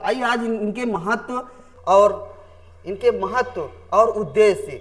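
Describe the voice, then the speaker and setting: A man teaching a grammar lesson to students, often repeating himself and asking them questions he then answers. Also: high-pitched. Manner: repeats and asks the class questions.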